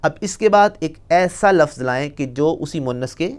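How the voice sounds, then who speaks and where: A man teaching an Arabic lesson, explaining patiently and pronouncing each example phrase slowly and deliberately. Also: on the high side, lively intonation, smooth. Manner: slow, drawn-out pronunciation of example phrases. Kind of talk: recorded language lesson.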